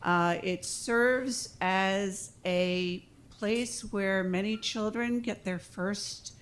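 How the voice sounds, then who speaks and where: A woman's voice: medium pitch, extremely slow. A woman speaking off the cuff at a public meeting microphone, hesitant, with many ums and restarts.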